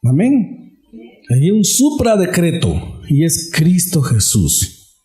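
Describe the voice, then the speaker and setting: A man's voice: on the high side, huge pitch swings, slow pace, mellow, echoey room. A male pastor preaching a sermon, emphatic and repetitive, addressing the congregation directly.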